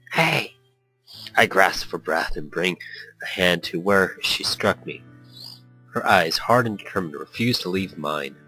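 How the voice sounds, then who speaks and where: In a low-quality recording with faint music behind him, a man's low, husky voice sounds pushed and bright. He narrates a visual novel in a brooding, introspective first person, switching quickly into short character voices.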